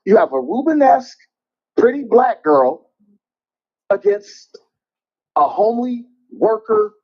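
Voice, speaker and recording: A man calling in to a show from a parking garage, heard over a phone line that sounds like speakerphone, blunt and opinionated with halting restarts. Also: very high-pitched, wildly swooping pitch, husky. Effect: phone call that sounds like it is on speakerphone. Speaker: caller. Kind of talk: casual call-in chat.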